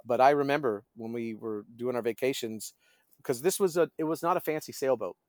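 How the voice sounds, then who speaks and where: A man's voice: mid-range voice, fairly quick, darkish tone, no room sound, studio quality. A middle-aged man, a pastor and fishing guide, chatting as a podcast guest and often searching for his words. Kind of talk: casual conversational storytelling.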